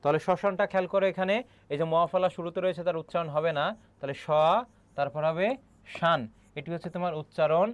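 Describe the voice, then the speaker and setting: Here a middle-aged man, a senior teacher with a Bangladeshi Bengali accent, guides an online admission-prep class step by step, often asking his students questions while constantly clearing his throat. He races along in a steady, somewhat high voice, captured in a dry, lo-fi recording.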